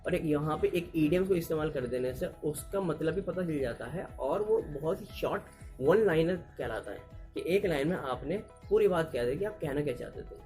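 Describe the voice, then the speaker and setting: A man with an Indian accent and a fairly high, darkish voice teaches idioms to learners. He mixes Hindi with English as he explains, repeating and restarting to get points across.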